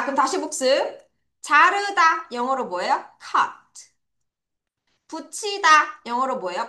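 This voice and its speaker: A woman teaching English vocabulary to children in an online lesson, asking questions and answering them herself, spelling words letter by letter and drawing out each word slowly for pupils to repeat. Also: sits high, bright, forceful tone. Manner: spells words letter by letter, slow drawn-out model pronunciation. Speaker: English teacher at a private academy.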